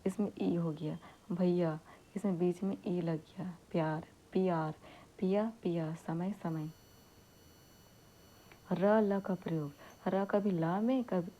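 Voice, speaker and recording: Slow, soft-toned woman teaching grammar. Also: on the low side, dull audio. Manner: slow, deliberate, repeats each example word. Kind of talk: exam-prep grammar lesson.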